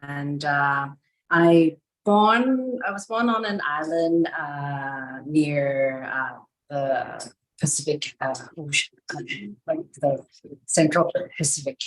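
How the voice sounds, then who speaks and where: A woman's voice: low voice, slow, rough recording. A woman from Hong Kong introducing herself as an exhibiting artist, hesitant with many fillers and restarts. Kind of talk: halting personal introduction. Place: arts centre gathering.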